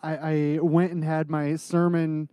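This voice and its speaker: A man with a nasal voice co-hosting a casual podcast, talking animatedly and swinging his pitch up and down. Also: level tone, measured pace, warm tone, clear, resonant tone, dry recording, clean studio sound. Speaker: podcast co-host and pastor.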